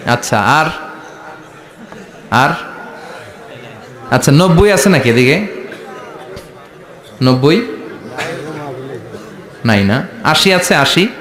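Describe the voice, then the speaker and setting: Echoey, bright-voiced impassioned male preacher. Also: mid-range voice. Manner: impassioned, questions to the crowd. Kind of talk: sermon.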